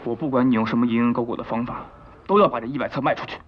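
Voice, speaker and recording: A man's voice: medium pitch, racing, natural voice. An actor playing a scheming, self-pitying male client in a comic drama, bossy, indignant and theatrical. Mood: domineering. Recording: muffled, slightly noisy soundtrack.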